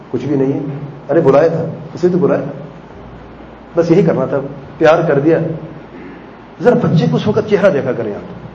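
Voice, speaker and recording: A man's voice: mid-range voice, mellow, roomy sound, highs cut off, a little hiss or hum. A man giving a sermon on parenting in a conversational way, acting out family exchanges and asking rhetorical questions. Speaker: preacher.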